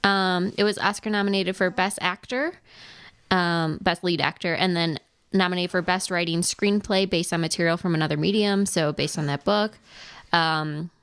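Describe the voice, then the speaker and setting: A woman's voice: lowish voice, fairly even intonation, normal speed, fairly bright tone, clean tone, dry recording, clean studio sound. A woman from Wisconsin co-hosting a podcast, chatting casually and giving frank, matter-of-fact opinions with some fillers. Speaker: podcast co-host. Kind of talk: casual chat. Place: home studio.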